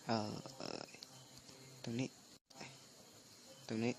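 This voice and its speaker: A man doing casual gameplay commentary in a halting, muttering way, his voice phlegmy from recovering from flu. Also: background noise. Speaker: gaming channel host.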